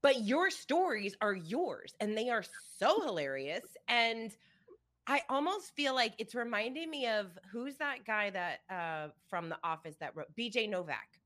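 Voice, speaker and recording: A woman hosting a casual podcast chat. She is effusive and laughs often. Her voice is bright and crisp, and it rises and falls a lot. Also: fairly high pitch, sing-song, unhurried. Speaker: podcast host.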